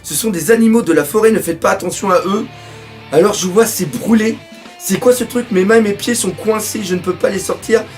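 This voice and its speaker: A man from France doing live reaction commentary on a manga chapter, excitable, swearing often and reading panels aloud. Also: high-pitched, brisk, faint music behind.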